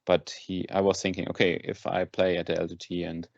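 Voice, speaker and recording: A German man with a very low voice talks through his game plans in a casual interview. He hesitates often and restarts his sentences. The sound is dry and dull, like lo-fi call audio. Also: level tone, brisk, gravelly, dry recording. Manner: hesitant, many fillers and restarts. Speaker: interview guest, tabletop wargame player.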